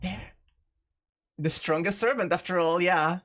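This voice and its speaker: A woman with a lowish voice speaks at a measured pace as she hosts a game playthrough, reading a visual novel aloud. She peppers it with informal, sweary, jokey asides, while game music plays behind her.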